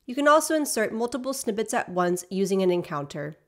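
A woman narrates a software tutorial from a script. Her voice sits at a medium pitch. She gives each instruction in a measured, explanatory manner suited to an app demo. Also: big pitch swings.

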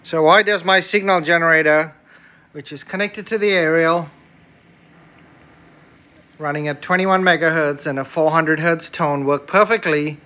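At a workbench in a small indoor room, an electronics hobbyist presenter gives casual, hands-on commentary while demonstrating electronics. His voice is fairly high-pitched with a sharp tone.

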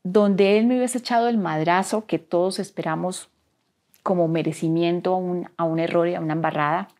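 Speaking as an interview guest, a young adult Colombian woman shares her own story with a Colombian Spanish accent, earnest and halting, repeating words and nearly whispering when things get heavy. Her voice is lowish, a little mellow, and steady in tone.

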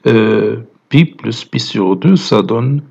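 Brief: Moroccan male math teacher, husky voice, patient step-by-step explanation. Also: mid-range voice, lively intonation, takes it slowly, a little mellow, highs cut off. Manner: explains step by step, mixing French with Moroccan Arabic. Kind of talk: lecture.

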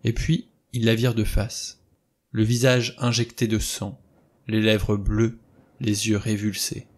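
A man reading a novel aloud in steady, plain storytelling narration. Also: fairly low pitch, measured pace. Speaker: audiobook reader. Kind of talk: scripted narration.

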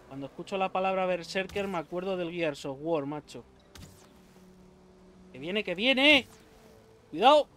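A young man, doing let's play commentary, excitable and swearing often, yelping when attacked. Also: on the high side, a little hiss or hum. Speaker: gaming YouTuber.

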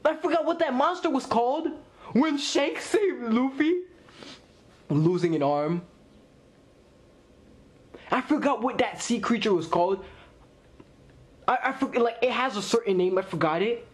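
A man with a notably high voice talks through an episode as it plays, in casual live reaction commentary. He is excitable and rambling, jumping from thought to thought with constant fillers. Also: measured pace, pauses often. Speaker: anime reaction host. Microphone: wearing earphones while recording.

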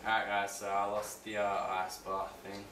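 A man's voice: lowish voice, completely flat delivery, moderate pace, recorded from a distance. A man in his late teens talking casually to camera, slangy, sweary and reluctant. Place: home kitchen and dining room. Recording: echoey room, off-mic, loud music.

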